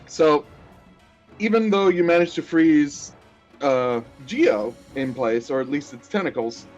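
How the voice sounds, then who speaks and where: Guy game master narrating, chuckly, kinda high voice, muffled lo-fi audio. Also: lively intonation, measured pace, soft background music. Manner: explains rules with easy laughter. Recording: dull lo-fi audio.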